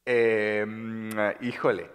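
A man talking as a podcast guest in a casual chat, halting and repeating words as he searches for them. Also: on the low side, little pitch movement, in a large hall.

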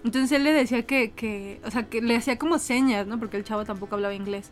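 A woman co-hosting a casual chat, telling a story with lively acted-out voices and frequent laughs. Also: fairly high pitch, fast talker, soft background music. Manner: animated, acts out quoted voices, laughs often. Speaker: podcast co-host.

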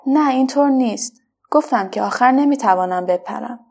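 A woman voicing a shy, timid paper butterfly in a children's story, speaking quietly and hesitantly. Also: on the high side, creaky. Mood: ashamed.

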